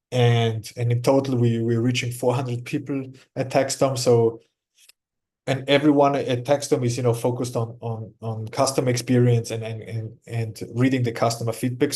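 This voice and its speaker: Guest exec, man with Austrian German accent, halting speech, mellow tone. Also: mid-range voice. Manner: halting, many restarts and repeated words. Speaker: company executive guest. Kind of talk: casual interview talk.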